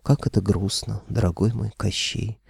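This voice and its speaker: A man's voice: on the low side, steady tone, normal speed, vocal fry, a little mellow, slightly rough, no echo, studio quality, exaggerated voice. A man doing a coy, flirting queen. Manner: coy, teasing.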